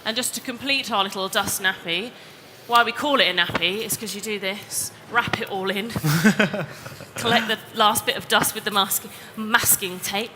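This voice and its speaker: A woman's voice: mid-range voice, moderate pace, hardly any pauses. A woman, presenting a live DIY demonstration and explaining each step in a chatty way. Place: exhibition hall stage. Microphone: headset or lapel mic. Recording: reverberant hall, faint background noise.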